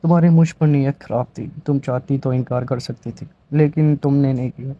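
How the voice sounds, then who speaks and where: A stubborn, angry young husband from a romance story, as a male reader voices him. He talks in a harsh, threatening way. The pitch is middling, and the recording sounds slightly dull. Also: steady tone, lightly acted.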